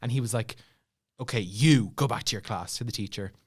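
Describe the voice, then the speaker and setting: On the low side with a breathy edge, he speaks briskly: a young Irish man guesting on a podcast and recounting a personal story casually. He acts out dialogue in an animated way, slipping in laughing asides.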